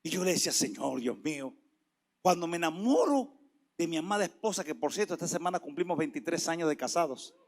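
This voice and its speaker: A man preaching a sermon with passion, dropping to a hush and then rising to shouts. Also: fairly high pitch, fast, slight background noise. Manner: impassioned, swings from hushed to shouting.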